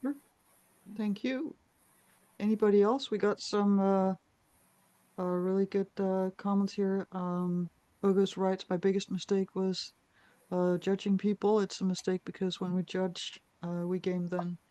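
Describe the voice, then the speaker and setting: A woman from Denmark leading an online group meeting, telling a personal story in a relaxed, reflective way. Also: mid-range voice, unhurried, no room sound. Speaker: meeting facilitator.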